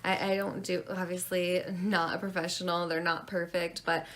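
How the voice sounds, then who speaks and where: A woman's voice: lowish voice, little pitch movement, moderate pace, a bit bright. A woman in her twenties from Maine, chatting casually and rambling animatedly as a beauty vlogger. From Maine, USA. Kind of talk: casual chat.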